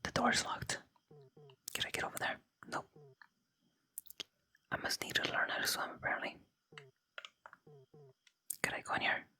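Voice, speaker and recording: Here the gaming host keeps to a soft, unvoiced whisper for the entire ASMR let's play, close-miked and very bright with crisp edges. At a normal speed with many pauses, they drift between reading lines and quietly commenting.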